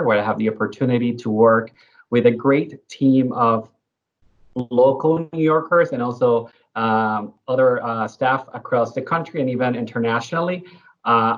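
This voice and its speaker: A man from the Dominican Republic introducing himself as a panelist on a virtual roundtable, speaking in a measured way with many fillers. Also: medium pitch. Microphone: computer mic on a video call. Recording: dull, muffled video-call audio.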